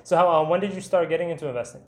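A man's voice: fairly high pitch, rapid-fire, darkish tone. An upbeat man runs a casual interview, tossing in slang and easy praise. He talks from inside an empty apartment unit. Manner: upbeat, conversational, uses slang like "sick". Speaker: podcast host and real estate broker. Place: vacant apartment unit indoors.

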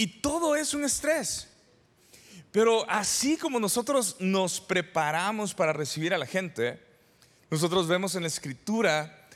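A man's voice: high voice, fairly bright tone. Man, pastor from El Salvador, sermon, chatty rhetorical questions, long church echo. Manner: conversational preaching with rhetorical questions and repetitions. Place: church sanctuary. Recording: reverberant church hall.

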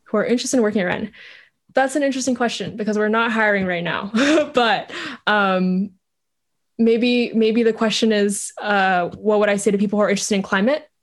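A young woman from Vietnam talks casually as an interview guest. She laughs easily and fills her talk with "like" and "um". Her pitch sits in a middle range. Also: moderate pace. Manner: chatty, laughs often, many fillers. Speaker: startup co-founder, guest.

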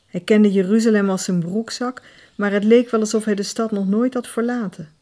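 A woman reading a novel aloud as narrator, calm and measured. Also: mid-range voice. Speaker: audiobook narrator. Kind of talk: scripted narration.

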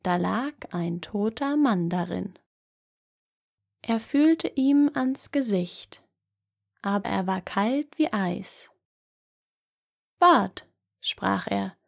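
A woman narrating a fairy tale in a calm, measured storybook reading. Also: mid-range voice, vocal fry.

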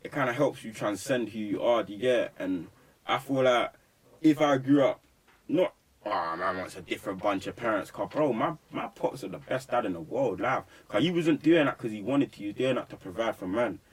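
A young rapper with a London roadman accent is interviewed casually, speaking at medium pitch and normal speed with an animated, breathy edge. He talks emphatically, almost preaching, in heavy street slang, picked up by a slightly distant microphone.

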